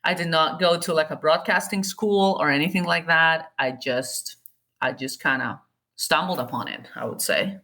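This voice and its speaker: A woman's voice: sits low, moderate pace, sharp tone. A woman in her forties from Colombia, speaking, chatting candidly as an interview guest and often correcting herself mid-sentence. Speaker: guest, golf TV producer. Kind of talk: casual interview chat.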